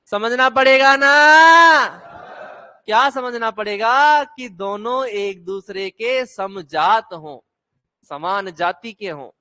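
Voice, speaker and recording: Animated high-voiced male teacher. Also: slow. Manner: animated, coaxing students to chant answers. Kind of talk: classroom lecture with call-and-response.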